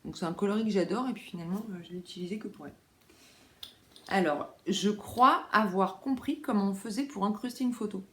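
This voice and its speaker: A woman's voice: medium pitch, fairly quick, a bit bright, reverberant. A woman hosting a knitting podcast, talking casually with many fillers and asides, in a room at home by a window. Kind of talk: casual chat.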